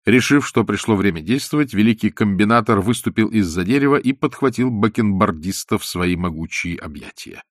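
Man with a low, lively narrating voice. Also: brisk, hardly any pauses, no echo, studio quality. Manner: expressive, lightly ironic storytelling. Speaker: audiobook narrator. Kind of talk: scripted narration.

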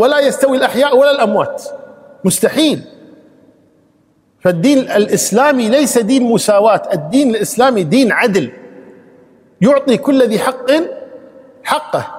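A man's voice: sits high, breathy edge, long reverb tail. A man, a sheikh giving an emphatic Quran exegesis lesson, reciting verses and repeating key phrases.

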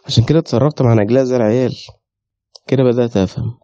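A man's voice: mid-range voice, fairly even intonation, racing, dark tone, dry recording, muffled recording, close to an everyday voice. An actor playing an exasperated, lecturing middle-aged male friend with an Egyptian accent, in a radio drama.

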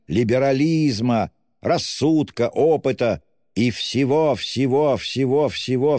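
A man doing a loud, tipsy young man. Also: mid-range voice, dry recording, studio quality, big-room sound. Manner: shouting, effusive, self-abasing. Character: drunk, excitable young man, loud and gushing.

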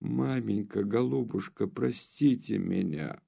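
A man's voice: on the low side, slow, gravelly, warm tone, heavily acted. A man reading an audiobook voices a passionate, indignant young noblewoman who pleads and cries out. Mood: pleading. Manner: pleading, crying out.

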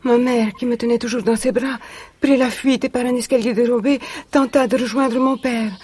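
An actress in a 1980s radio drama playing a young woman who was once a captive, telling her story in a measured, solemn way. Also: a little high, fairly even intonation, darkish tone, breathy edge, no room sound. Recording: vintage radio recording.

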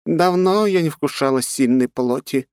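A man's voice: a little high, moderate pace, darkish tone, clean tone, no echo, studio quality, voice pushed up, close to an everyday voice. A man voicing a cold, commanding female insect queen with a hunger for flesh. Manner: regal, commanding.

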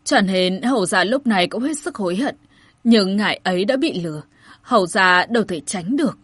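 A soft-spoken old steward calms down an angry general with patient explanations, in a woman's reading. The voice is husky. The sound is dry and close. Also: medium pitch, normal speed, no echo. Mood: placating.

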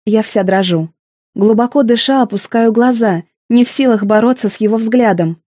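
Woman narrator for a first-person audiobook; intimate, emotional read, mellow tone, dry. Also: a little high, normal speed, dry recording.

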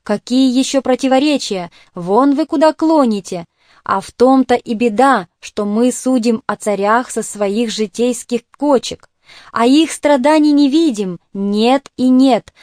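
A wheezing, gouty old clerk, voiced by a woman reading aloud, pleads in a hoarse, agitated rush. He is fearful and fervent, and his voice sits a little high. The sound is dry and close. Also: unhurried, darkish tone, dry recording, close to an everyday voice. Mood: pleading.

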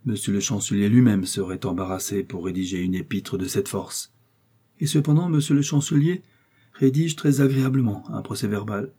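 A man voicing a self-assured, scholarly musketeer who weighs each word. The voice is low, mellow and a touch husky, in an audiobook. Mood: measured. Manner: soft, slow and measured.

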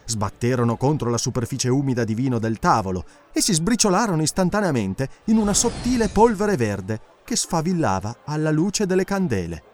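A man reading an adventure audiobook aloud with dramatic, expressive narration. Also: mid-range voice, slight background noise. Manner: expressive, animated storytelling.

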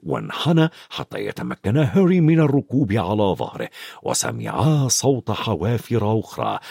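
A man narrating a fantasy audiobook in a dramatic, expressive way. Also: on the low side, moderate pace, gravelly, slightly rough, no room sound, studio quality.

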